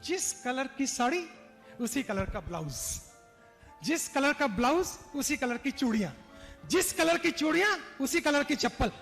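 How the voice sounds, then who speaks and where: High-voiced man telling stories to an audience. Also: measured pace, gravelly. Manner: animated, acts out stories, urges audience responses. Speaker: motivational speaker and trainer. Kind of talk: storytelling motivational stage talk. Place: stage in a hall with a live audience. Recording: long hall reverb, faint music.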